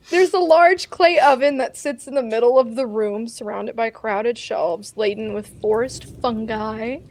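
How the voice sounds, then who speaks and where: A woman's voice: fairly high pitch, darkish tone, a little hiss or hum. A woman running a tabletop game as game master, narrating in a casual, playful way.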